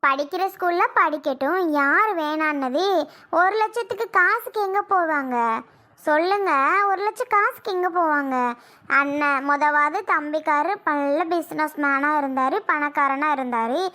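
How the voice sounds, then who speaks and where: A woman playing a sharp-tongued aunt by marriage in a family drama skit, talking in an accusing, sarcastic way. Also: high-pitched, normal speed. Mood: scornful.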